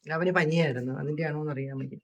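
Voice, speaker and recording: A middle-aged woman talks through a sore, hoarse throat in a casual home vlog. Her voice sits low. She chats and calls loudly across the room to her daughter. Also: steady tone, quick pace. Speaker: home vlogger. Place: home, indoors.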